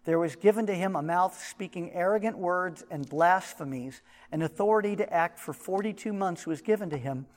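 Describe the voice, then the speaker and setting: A man's voice: high-pitched, moderate pace, hardly any pauses, long reverb tail. A man teaching through a Bible passage in a conversational, explaining way, his voice muffled because it is recorded from his shirt pocket.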